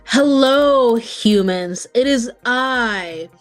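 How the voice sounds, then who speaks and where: A woman putting on a grandiose female demon persona, speaking in slow, drawn-out proclamations. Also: a little high, expressive, soft background music.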